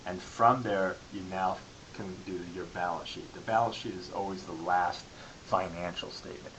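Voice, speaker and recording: A man giving an explanatory lecture as a college instructor, halting and restarting phrases as he goes. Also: sits low, steady tone. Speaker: accounting lecturer. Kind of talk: classroom-style lecture. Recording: clearly audible background hiss.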